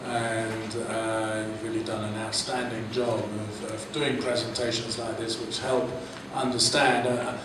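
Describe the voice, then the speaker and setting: A man's voice: lowish voice, flat delivery, a little slow, few pauses. Hesitant man in an echoey conference hall. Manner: hesitant, many fillers. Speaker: audience member commenting. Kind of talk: conference Q&A comment. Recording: echoey hall from far off, room noise.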